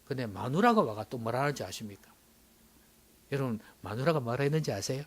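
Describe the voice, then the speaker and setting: A male pastor preaching a sermon, swinging dramatically from loud exclamations to hushed whispers. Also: medium pitch, lively intonation, fast talker.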